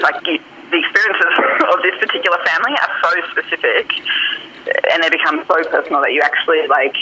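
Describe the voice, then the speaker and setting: Australian woman in her thirties, chatty, laughs a lot, noisy phone line, busy background hum. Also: sits low. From New South Wales, Australia. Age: 30s. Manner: chatty, laughs often, many fillers. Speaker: theatre director, guest. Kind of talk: casual interview over the phone. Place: car rental shop at a train station.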